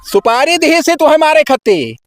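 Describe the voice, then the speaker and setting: A man's voice: very high voice, sing-song, normal speed, no echo, clean studio sound, soft background music. A man with an Awadhi accent playing a village drunk who boasts and blusters as a hired killer in an amateur comedy sketch. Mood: boastful.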